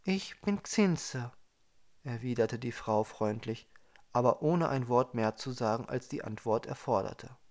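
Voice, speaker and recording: A man calmly narrating a science fiction audiobook in a steady storytelling manner. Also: medium pitch, normal speed. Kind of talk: scripted narration.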